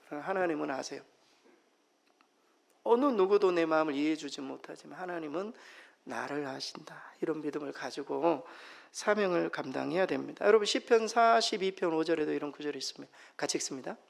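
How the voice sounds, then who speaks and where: A man preaching a Sunday sermon as pastor, emphatic, moving between loud exclamations and soft near-whispers. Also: high voice, creaky. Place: church sanctuary. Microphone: microphone.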